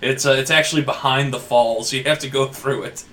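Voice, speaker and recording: A man's voice: medium pitch, fairly even intonation, brisk, a bit bright. A man co-hosting a podcast, talking in a rambling, sardonic way during casual chat. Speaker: podcast co-host.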